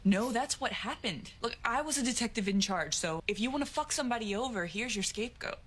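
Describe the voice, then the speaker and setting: A heated, defiant detective. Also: female voice, fairly high pitch, lively intonation, fairly quick. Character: angry, defiant woman detective. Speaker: TV drama character.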